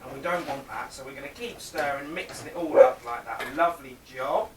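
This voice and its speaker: A man's voice: medium pitch, a little fast, echoey room, distant mic, a crowd in the background. A man presenting a live cooking demonstration for children. He chats playfully, talks straight to the boys and girls watching, and teases a companion on stage. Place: theatre stage.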